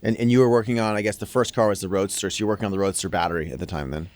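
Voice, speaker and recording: Man, interview host, low-ish voice, rapid chatty delivery, dry close mic. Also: darkish tone, no room sound. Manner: quick, chatty, repeats words at starts. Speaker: podcast host. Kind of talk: casual interview.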